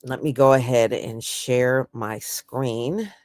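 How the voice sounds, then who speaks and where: Speaking slowly in a rumbling low, darkish voice, this American livestream host gives blunt, folksy, opinionated commentary in a casual way on her online news stream. The studio-quality sound has no echo.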